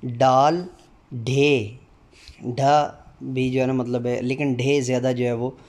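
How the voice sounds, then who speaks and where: Male teacher reciting letters slowly. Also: mid-range voice, little pitch movement, darkish tone. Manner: drawn-out letter recitation with frequent fillers. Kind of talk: teaching the Urdu alphabet aloud.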